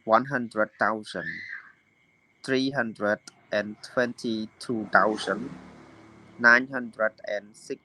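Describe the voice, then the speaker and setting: Guy reading his lesson aloud on a video call, super slow, fixes his slips. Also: on the low side, steady tone, sharp tone, a little hiss or hum, rough recording. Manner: slow careful reading with self-corrections. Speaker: student.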